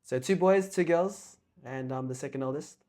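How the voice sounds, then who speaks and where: A young man from Australia speaks as a guest in a relaxed conversation. His pitch sits in a middle range. He talks softly and hesitantly, filling pauses with ums. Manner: soft-spoken and hesitant, with many ums. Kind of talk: casual chat.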